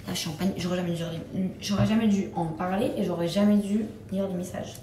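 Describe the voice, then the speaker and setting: A young woman vlogging in a chatty, confiding way, sometimes dropping to soft near-whispered asides. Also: mid-range voice, steady tone, fast, a little hiss or hum. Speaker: lifestyle vlogger. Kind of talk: casual confiding vlog chat. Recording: echoey with loud background ambience.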